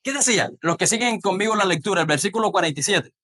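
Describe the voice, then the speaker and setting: Male preacher with a high voice; delivers a lively sermon and questions the congregation. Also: racing. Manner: animated, retelling scripture.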